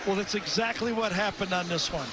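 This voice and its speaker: A man's voice: high-pitched, brisk, low-quality recording. A man with an American accent giving conversational, explanatory football commentary as a color analyst. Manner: conversational, explanatory, acts out players' thoughts. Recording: broadcast with loud crowd and music.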